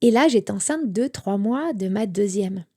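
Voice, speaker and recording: A woman in her thirties, appearing as an interview guest, candidly tells a personal story with a mid-range voice at normal speed. She animates it by acting out the lines of the people she quotes.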